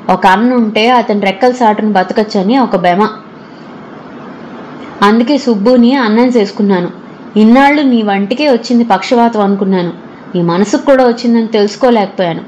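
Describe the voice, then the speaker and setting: A hurt and defiant older village woman, voiced by a woman narrator, her lines pitched a little higher than the storyteller's plain reading. She speaks with stung pride, for a spoken storybook, over faint background noise. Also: a little mellow, muffled recording, lightly acted.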